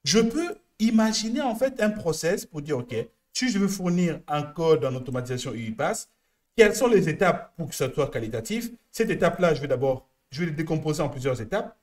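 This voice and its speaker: A man's voice: a little high, big pitch swings, brisk, a little mellow. A French-accented man coaching one listener, explaining step by step at a whiteboard with many restarts.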